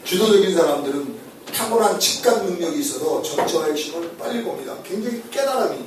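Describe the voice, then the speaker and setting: A high-voiced man teaches a room full of listeners about personality types, lively and full of jokes, checking in with them again and again. The recording is distant and echoes hard around a hall. Steady noise sits beneath him. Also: fast talker. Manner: animated, joking, asks the audience for agreement. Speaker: lecturer. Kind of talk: personality-type lecture to an audience. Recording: echoey hall, voice from far off, noisy.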